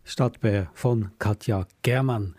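A man hosting a conversation about books, introducing titles in a brisk, orderly way. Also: lowish voice, dark tone, no room sound, studio quality. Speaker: host. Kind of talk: radio-style interview.

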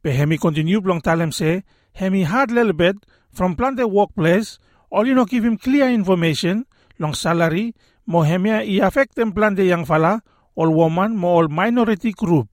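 A man's voice: high-pitched, normal speed, dry recording, studio quality. A man with a Solomon Islands accent presenting a scripted explainer in Solomon Islands Pidgin. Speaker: radio presenter.

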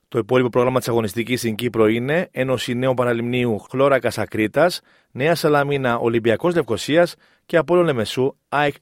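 A man's voice: mid-range voice, no echo, studio quality. A man reading a scripted sports results bulletin as a news presenter.

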